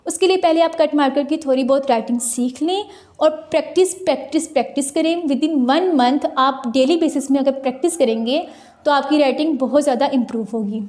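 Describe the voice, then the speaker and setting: High-voiced young woman vlogger. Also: a little fast, darkish tone. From Pakistan. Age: 20s. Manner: chatty, answers viewer questions one by one with practical advice. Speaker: student vlogger. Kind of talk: casual Q&A vlog. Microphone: mobile phone.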